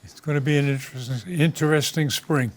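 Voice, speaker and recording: A man hosting a local talk show, speaking in an unscripted, conversational and somewhat halting way. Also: on the high side, a little hiss or hum.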